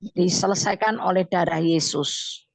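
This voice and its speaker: A woman evangelist, teaching from the Bible on a radio show and telling stories with deliberate emphasis. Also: on the low side, vocal fry, no echo. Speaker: evangelist guest speaker. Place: radio studio.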